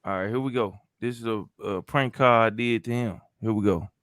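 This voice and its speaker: A man's voice: on the low side, normal speed, fairly bright tone, dry recording. A man hosting a stream, chatting casually in a laid-back, slangy way. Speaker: stream host. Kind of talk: casual chat.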